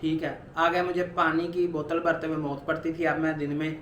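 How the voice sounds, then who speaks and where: High-voiced young man in an echoey room. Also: flat delivery, normal speed, a bit bright, lo-fi sound, a little hiss or hum. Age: 20s. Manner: earnest, repetitive motivational urging. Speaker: vlogger. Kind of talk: personal weight-loss vlog.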